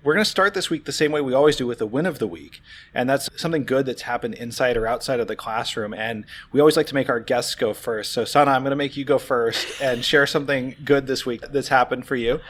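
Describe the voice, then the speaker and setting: A man's voice: mid-range voice, brisk, fairly bright tone, a little hiss or hum. A male podcast host with a mid-range voice. He talks conversationally, like a teacher introducing guests and guiding a discussion. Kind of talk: podcast hosting.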